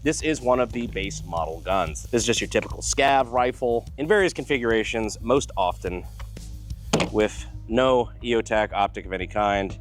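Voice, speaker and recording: Low-voiced, wisecracking male gun show host. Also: expressive, normal speed, over music. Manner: foul-mouthed, wisecracking. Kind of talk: casual, joking presentation to camera.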